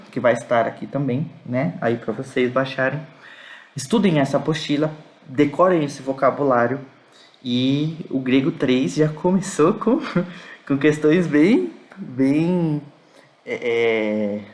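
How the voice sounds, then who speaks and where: A male teacher with a Brazilian Portuguese accent, patiently explaining vocabulary in a recorded class, repeating each word slowly and checking in with his students. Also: medium pitch.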